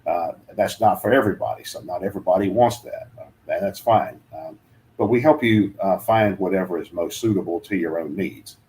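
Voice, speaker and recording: A man's voice: low voice, a little fast, darkish tone. A man giving relocation advice in a casual chat, hesitant with many fillers and restarts. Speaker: guest, relocation adviser.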